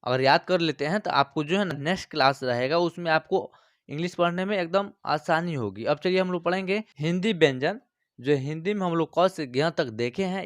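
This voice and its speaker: A male teacher walks through a lesson step by step. He keeps asking whether his listeners follow. His voice sits a little high, and the recording is dry and close. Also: no room sound. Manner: explains step by step, often checks understanding. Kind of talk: online class lesson.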